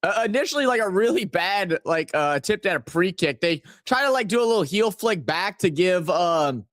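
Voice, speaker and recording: A man hosts a live match watch-along, mixing loose play-by-play with shout-outs to his chat. His voice sits a little high, and he talks in a casual, rambling way. The recording is dry and close, with no room sound. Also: animated, moderate pace, no room sound.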